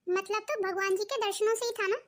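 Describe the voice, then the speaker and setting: Woman voicing a cartoon elder daughter-in-law, thrifty, matter-of-fact, high-pitched, bright. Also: fairly even intonation, fairly quick. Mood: calm.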